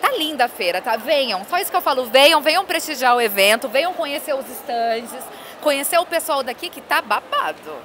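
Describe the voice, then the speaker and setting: With a high-pitched, animated, somewhat bright voice, a woman in her thirties talks a little fast into an interviewer's handheld mic, with a little hiss or hum. She's a professional dominatrix giving a bold, teasing, confident casual interview at a busy indoor expo hall.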